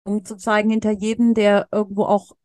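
A woman's voice: medium pitch, flat delivery, brisk, mellow, dry recording. Reflective woman podcast host, dry sound. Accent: Swiss German. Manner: reflective, asks follow-up questions. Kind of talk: casual podcast conversation.

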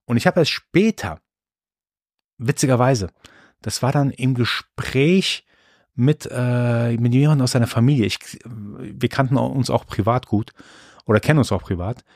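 An Iran-born man hosts a solo podcast, delivering a casual, rambling monologue full of fillers and frequent restarts. His medium-pitched voice is unhurried and darkish, captured with studio quality and no echo.

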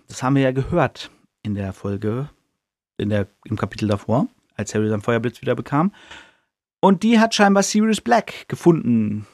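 A man's voice: mid-range voice, darkish tone, no echo, clean studio sound. A man hosting a podcast who casually retells a book chapter in a chatty way, with many fillers and restarts. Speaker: podcast host.

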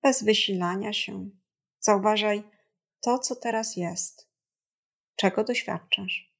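Slow, gentle woman guiding a meditation. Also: medium pitch, creaky, breathy edge. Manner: gentle, calm, soothing, measured delivery with long pauses. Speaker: meditation guide. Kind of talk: guided body scan meditation narration.

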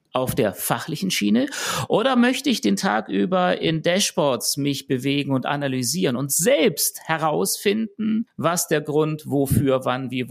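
Lively gravelly man telling a story. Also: on the high side. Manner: animated, storytelling with rhetorical questions. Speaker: podcast co-host. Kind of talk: casual podcast conversation.

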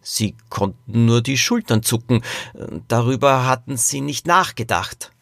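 Animated male storyteller. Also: medium pitch, measured pace, gravelly, no room sound, clean studio sound. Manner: expressive, animated reading. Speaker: author reading his story. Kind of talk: scripted storytelling narration.

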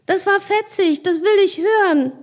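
A woman reading aloud, voicing a frustrated young girl who speaks in high, pleading outbursts. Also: moderate pace, a little mellow. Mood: eager. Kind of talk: literary reading.

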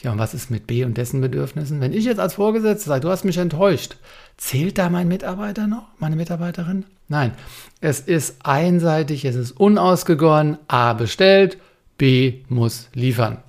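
A man's voice: fairly high pitch, animated, moderate pace, vocal fry, darkish tone. A man giving a communication coaching talk, speaking in short punchy phrases, asking rhetorical questions and addressing the listener directly.

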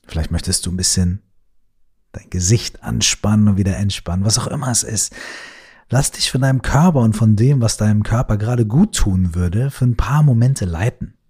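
Male meditation guide, very deep, husky voice, slow and soothing delivery that drifts into whispers. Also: darkish tone.

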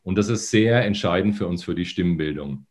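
Low-voiced male voice coach, a little phlegmy. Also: fairly quick, a little mellow. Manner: instructive, demonstrates with hums and sung lines. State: slightly phlegmy voice in the morning. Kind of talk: demonstrating voice exercises in a podcast.

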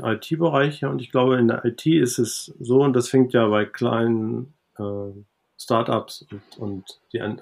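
A man talking as a podcast guest in a relaxed interview, thinking aloud with many fillers and restarts. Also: medium pitch. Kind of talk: conversational interview.

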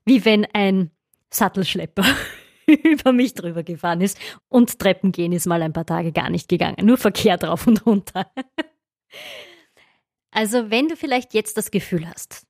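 A woman telling a personal story on her podcast, lively and laughing often as she acts out her own thoughts. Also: mid-range voice, dry recording, clean studio sound. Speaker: podcast host.

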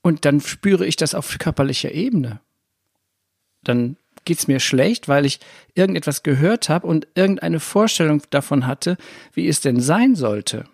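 A man's voice: a little high, expressive, unhurried, gravelly, no room sound, studio quality. A man hosting a spiritual self-help podcast, talking in a rambling, self-correcting conversational way. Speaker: podcast host.

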